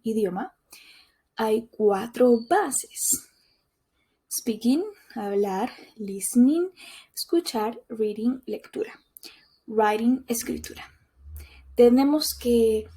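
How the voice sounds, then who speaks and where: Slow, soft-voiced woman language teacher. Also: on the high side, slightly rough. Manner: repeats each point in Spanish and English. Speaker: Spanish teacher. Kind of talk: bilingual language lesson.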